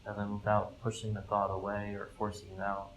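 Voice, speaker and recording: In a rough live recording full of background noise, a mindfulness fellow leads a meditation in a low, calm voice with minimal melodic movement. His gentle guidance arrives in measured phrases, leaving space to breathe in between.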